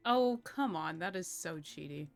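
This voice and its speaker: A woman's voice: fairly low pitch, animated, a little slow, faint music behind. A woman playing a tabletop game in a casual, playful way, laughing often. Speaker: player.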